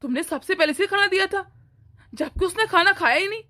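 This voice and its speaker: A protective older brother in an animated story, as a woman voices him, firm and scolding but fond at heart. The voice sits high and bright for a man, delivered with steady authority. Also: a little fast, heavily acted. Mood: stern. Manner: firm, scolding yet affectionate. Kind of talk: animated cartoon voice acting.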